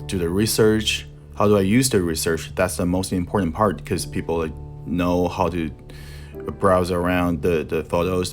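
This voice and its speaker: A young tattoo artist and art instructor, a native Mandarin speaker with a Chinese accent, narrates a voice-over about how he designs his tattoos. His voice is low, and he speaks haltingly, searching for words in his second language.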